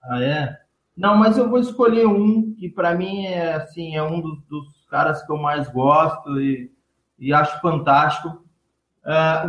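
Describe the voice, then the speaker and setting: Guy chatting easy, voice a bit high, echoey room, kinda muffled. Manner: relaxed, many fillers, trails off at phrase ends. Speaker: entrepreneurship teacher and speaker, guest. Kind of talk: casual interview answers.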